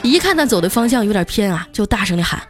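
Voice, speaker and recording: A woman's voice: mid-range voice, sing-song, fast talker, noisy background. A woman host telling comic anecdotes in a chatty, scripted way. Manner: chatty, punchline-driven delivery. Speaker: comedy storyteller host. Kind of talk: scripted comedic storytelling.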